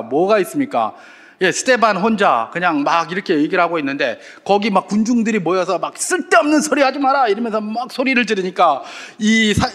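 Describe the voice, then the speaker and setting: A man preaching a sermon, posing rhetorical questions and acting out shouting crowds. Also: high voice. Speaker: pastor.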